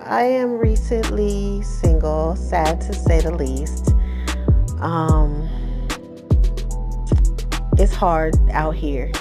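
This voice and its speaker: A woman's voice: low voice, extremely slow, pauses often, over loud music. A woman in her thirties, chatting at a cast reunion in a sassy, talkative way with many fillers. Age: 30s. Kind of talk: casual reunion chat.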